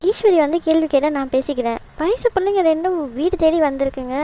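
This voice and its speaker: Lady doing a sweet welcoming cartoon mom, highish voice, bit muffled. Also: expressive, quick pace. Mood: reassuring. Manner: gentle, reassuring. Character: kind welcoming middle-aged mother. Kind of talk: cartoon web series dialogue.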